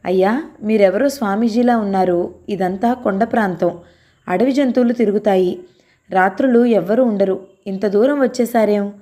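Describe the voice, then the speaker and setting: A woman's voice: medium pitch, moderate pace, warm tone, close to an everyday voice. A woman voicing a humble middle-aged male temple security guard who speaks in an imploring way, in an audio story. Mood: pleading.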